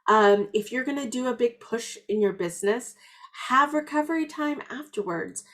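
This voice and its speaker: A middle-aged woman business coach giving an earnest, encouraging motivational talk, with warm asides. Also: on the high side, moderate pace.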